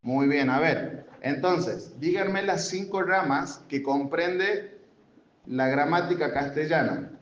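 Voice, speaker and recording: A man leads a classroom grammar lesson in a church classroom, speaking slowly and patiently. He walks through examples and keeps checking whether the class follows. The recording is roomy and somewhat dull, with a faint hum of room noise. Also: a little high. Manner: keeps checking understanding with tag questions; patient, explains step by step with examples. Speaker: Sunday school teacher.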